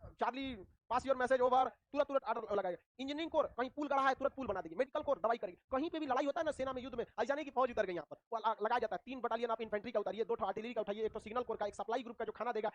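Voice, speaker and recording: Fast-talking male teacher. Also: very high voice, no echo, muffled recording. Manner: rapid, rhetorical questions answered himself, colloquial Bihari flavour. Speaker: history teacher. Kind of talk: revision lecture.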